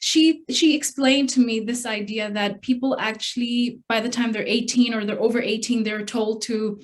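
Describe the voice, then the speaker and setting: A woman's voice: a little high, steady tone, normal speed, slight background noise. A young woman from Hong Kong giving a prepared contest speech, telling a personal story in an earnest manner. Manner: earnest storytelling, acts out quoted dialogue. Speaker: test speaker at a speech contest.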